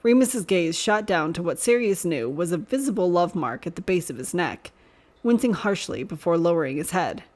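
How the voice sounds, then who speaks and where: A woman reading a romance story aloud as narrator, measured and even in manner. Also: fairly low pitch. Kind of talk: audiobook reading of fan fiction.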